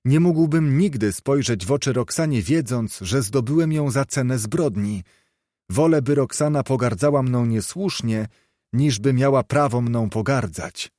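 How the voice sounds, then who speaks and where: A man's voice: medium pitch, a little slow, warm tone, dry recording, studio quality, lightly acted. A man voicing a proud, earnest young knight who speaks in a declamatory way. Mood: resolute.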